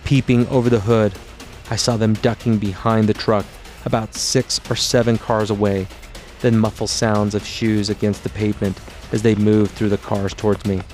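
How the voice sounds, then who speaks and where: Low-voiced man reading a memoir. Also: level tone, normal speed, darkish tone, soft background music. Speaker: memoir author and narrator. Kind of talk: first-person memoir audiobook narration.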